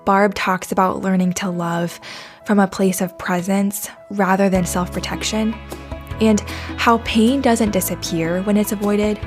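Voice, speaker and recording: A woman with a medium-pitched voice hosts a podcast, starting with a scripted introduction before interviewing her guest in an encouraging manner.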